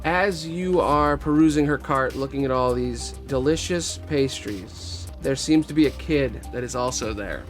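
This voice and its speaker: A man's voice: medium pitch, measured pace, hardly any pauses, soft background music. Casual man narrating as game master. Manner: casual, loose storytelling with many fillers.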